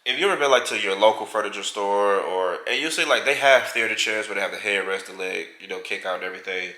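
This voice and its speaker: A man with a fairly low-pitched, pushed and bright voice speaks at a quick pace, nasal from a head cold. As a vlog co-host, he chats casually and rambles through a tour of his large indoor home theater, self-correcting often, in an echoey room.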